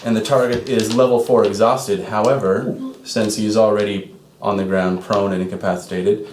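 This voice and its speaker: A man's voice: fairly low pitch, flat delivery, normal speed, a little mellow. A man acting as game master, casually narrating and refereeing a tabletop game. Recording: roomy echo with faint background noise.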